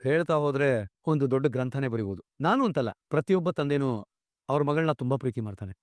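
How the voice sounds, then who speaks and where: A man's voice: mid-range voice, expressive, fast talker, a little mellow, no room sound, natural voice. An actor playing a middle-aged father who is earnest and tender with his daughter, in a TV serial. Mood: probing. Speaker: father of the bride. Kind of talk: TV serial acting.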